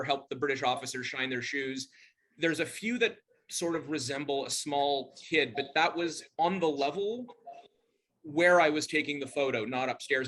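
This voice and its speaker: Speaking casually on a video call, a middle-aged Montreal club member shares his own ghost story. He sounds slightly high-pitched and fairly bright.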